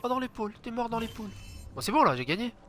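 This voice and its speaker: A man giving chatty let's play commentary, swearing a lot and breaking into loud exclamations. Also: very high-pitched, sing-song, very fast, noisy background. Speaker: gaming channel host.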